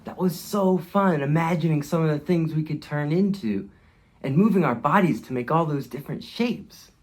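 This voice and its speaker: Guiding young children through an interactive read-along with movement prompts, this male educator uses simple phrases and questions. His voice is fairly high and darkish in tone, at a moderate pace.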